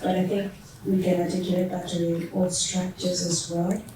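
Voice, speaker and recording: Brief: woman, workshop participant, lowish voice, distant mic, noisy reverberant room. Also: flat delivery, normal speed. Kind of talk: speaking up in a group discussion. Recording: echoey room, distant mic, background noise.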